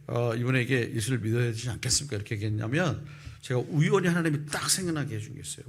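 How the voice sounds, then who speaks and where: A male pastor in his fifties preaching a sermon and telling a personal testimony, with lively storytelling that acts out the people in it. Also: mid-range voice, slightly rough. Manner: animated storytelling, acting out quoted voices. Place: church sanctuary.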